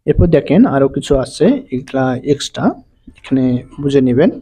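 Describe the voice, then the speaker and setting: A man teaching a pronunciation lesson, spelling out letters and repeating each example word slowly. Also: medium pitch, dark tone, breathy edge. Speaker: language teacher. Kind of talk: slow explanatory lesson.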